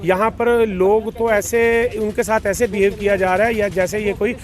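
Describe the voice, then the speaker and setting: A man's voice: high-pitched, fairly even intonation, moderate pace. A man giving earnest testimony to a reporter outdoors. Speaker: volunteer, interviewee. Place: outdoors at a cremation ground.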